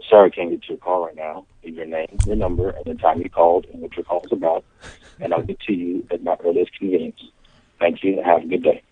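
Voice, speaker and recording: A man's voice: sits low, level tone, fast talker, breathy edge, no room sound. A man's recorded answering machine greeting, heard over the phone in a plain, businesslike way. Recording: muffled phone line.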